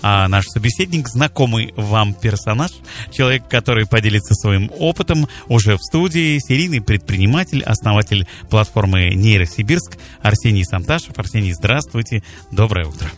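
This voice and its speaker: A man with a lowish voice presents a live morning radio show. He speaks as a host on air, greeting and addressing his listeners over the radio, with music underneath. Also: expressive, normal speed. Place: radio studio.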